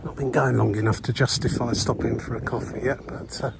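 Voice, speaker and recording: A man's voice: medium pitch, fairly even intonation, brisk, gravelly. An older man chatting casually while walking a clifftop path, slightly breathless, with lots of fillers and restarts. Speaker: walking vlogger. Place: outdoors on a clifftop coastal path. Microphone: body-worn mic while walking. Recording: loud outdoor wind and traffic noise. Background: outdoor ambience and passing vehicles.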